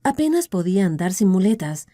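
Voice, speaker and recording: A woman narrator with a Latin American Spanish accent voicing a scarred, limping man who speaks calmly and ruefully to his lost love. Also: medium pitch, fairly quick, natural voice.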